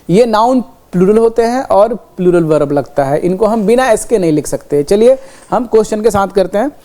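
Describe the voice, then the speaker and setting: A woman teaching English grammar in a classroom lesson. She explains with everyday examples, checks in with "okay" again and again, and slows right down to spell out the English example sentences. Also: lowish voice, mellow. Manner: explains with everyday examples, repeats "ठीक है" often.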